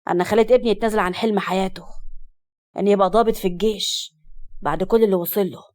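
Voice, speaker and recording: A woman voicing an angry older uncle with an Egyptian accent, who scolds forcefully. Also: medium pitch, fairly even intonation, fast, close to an everyday voice. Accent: Egyptian Arabic. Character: stern angry older uncle, family patriarch.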